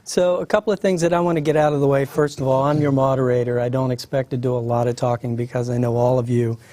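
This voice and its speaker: A man in his fifties moderating a panel discussion, relaxed and conversational with frequent fillers. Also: mid-range voice, fast, no echo. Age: 50s.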